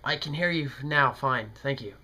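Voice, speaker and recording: A young American man with a slightly high, sharp voice speaks at a moderate pace while prank-calling as a polite, hesitant, folksy older customer. He's in a small bedroom, holding a speakerphone, with a camera recording at close range.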